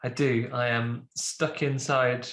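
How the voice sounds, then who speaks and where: Slow and flat, a man's mid-range, slightly bright voice rambles through casual podcast chat as a co-host, snuffling a little from a cold. He keeps breaking off and restarting his sentences, and the audio is reverberant.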